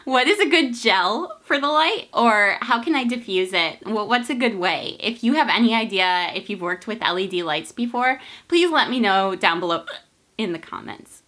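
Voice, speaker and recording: A young woman chatting casually in a vlog, excitable and talkative, with hiccups. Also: medium pitch, normal speed. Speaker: vlogger.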